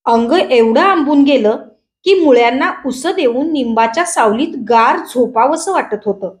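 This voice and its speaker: A woman reading a rural story aloud with a Marathi accent, in steady first-person storytelling narration. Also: sits high, a little slow. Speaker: story reader.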